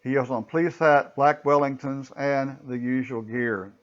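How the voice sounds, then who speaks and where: A man's voice: mid-range voice, fairly even intonation, a little slow, dull audio. A man narrating a story in a plain, matter-of-fact reading voice.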